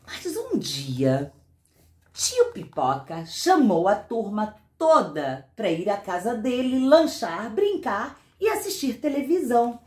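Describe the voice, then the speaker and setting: A woman who writes children's books, telling a story in an expressive, sing-song way with dramatic pauses. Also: fairly high pitch. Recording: roomy echo.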